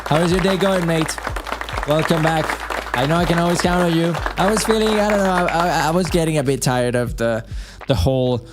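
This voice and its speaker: Over loud music and a noisy crowd, a weary man rambles to himself during a solo live stream, repeatedly starting over and laughing softly. He speaks fairly quickly in a slightly high voice.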